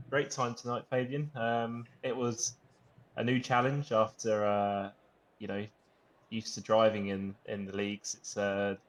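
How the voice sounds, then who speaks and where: A man chatting as a guest co-commentator on a sim race, talking hesitantly with fillers. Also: medium pitch. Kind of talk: casual commentary chat.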